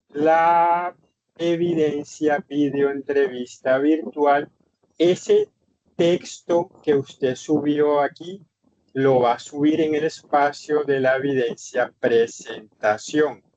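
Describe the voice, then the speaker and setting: A man with a fairly high, slightly mellow voice lectures in an online English class, explaining instructions with emphatic repetition. He's heard through a computer mic, and the online session audio is dull and lo-fi.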